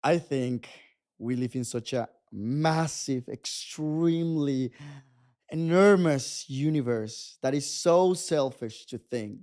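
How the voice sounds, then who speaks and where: A man in his twenties with a Mexican accent and a medium-pitched, slightly mellow voice speaks slowly. He's a podcast guest chatting casually and animatedly, often restarting his sentences.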